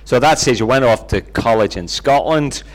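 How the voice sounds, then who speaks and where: As an interview guest, a middle-aged Bible teacher from near Belfast shares personal stories informally, chatty and self-deprecating in his Northern Irish accent. His voice is mid-range at normal speed, and the audio is poor.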